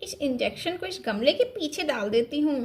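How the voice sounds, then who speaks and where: A very high, squeaky little girl, put on by a woman, who frets and schemes her way through a doll story. She talks in a whiny, excited rush. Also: normal speed. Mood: scheming. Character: little girl patient Shaili, scared and scheming.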